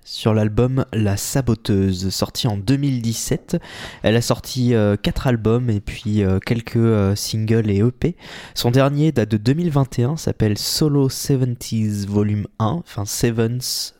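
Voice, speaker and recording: A man's voice: medium pitch, moderate pace, dark tone. A man hosting a radio music show in a studio, talking casually and hesitantly, with many fillers and self-corrections.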